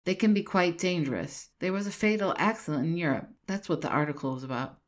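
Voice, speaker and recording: A woman's voice: on the low side, lively intonation, quick pace, lightly acted. Woman voicing a grumbling stern detective man. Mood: begrudging. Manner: dry and begrudging.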